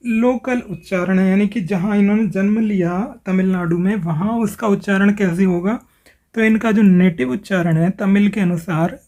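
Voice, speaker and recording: A man calmly explains pronunciation in a tutorial, slowing down to spell out sounds. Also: high-pitched. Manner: careful, slows to spell out sounds. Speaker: language explainer. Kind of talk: explanatory tutorial, reading from screen.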